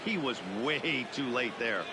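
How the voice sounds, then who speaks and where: A man's voice: mid-range voice, unhurried, very noisy. An American man giving conversational baseball analysis as a color commentator. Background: stadium crowd and music.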